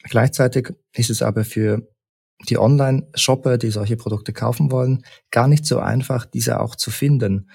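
A man from Leipzig, a researcher and lecturer, calmly explaining study results point by point as a podcast guest. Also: medium pitch, gravelly, slightly rough. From Leipzig, Germany. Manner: measured, structured, lists points in order. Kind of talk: explanatory interview talk.

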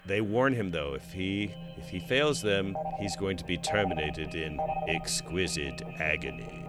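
A man's voice: sits low, unhurried, over loud music. A man hosting a podcast, casually retelling a TV episode's plot in detail and chuckling now and then. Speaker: podcast host. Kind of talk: casual chat recapping a TV episode.

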